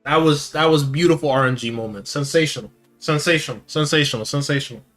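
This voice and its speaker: A man's voice: on the high side, fast, faint music behind. Hyped young man narrating his card game. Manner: hype, repeats taunting phrases, swings from quiet muttering to shouting. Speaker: gaming channel host. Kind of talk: live gameplay commentary. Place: home gaming setup with monitor.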